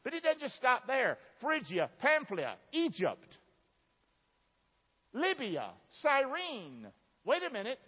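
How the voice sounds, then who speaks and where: Speaking slowly with long pauses, a man preaches in a very high, slightly rough voice that swings hugely in pitch. He has a Southern American accent and is from the southern United States, and his emphatic, folksy sermon includes questions to the congregation. The large church room sounds dull and reverberant.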